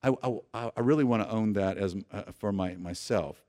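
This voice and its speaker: A man preaching a sermon, earnestly leading his congregation and often restarting his phrases, swinging from loud emphasis to soft low endings. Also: normal speed. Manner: earnest preaching, asks congregation to repeat lines aloud; frequent restarts and repeated words. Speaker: pastor.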